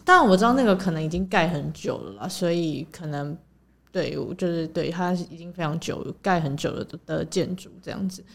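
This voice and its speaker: A woman with a slightly low voice talks quickly on a casual chat show. She tells her story with many fillers and restarts, searching for her words as she goes. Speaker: podcast co-host.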